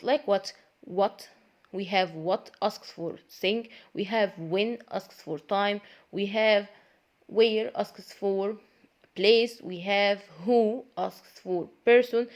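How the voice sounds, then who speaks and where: Woman, primary English teacher, unhurried delivery, repeats phrases, asks questions, praises answers. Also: mid-range voice. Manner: repeats key phrases slowly, quizzes pupils, praises answers. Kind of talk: classroom grammar lesson.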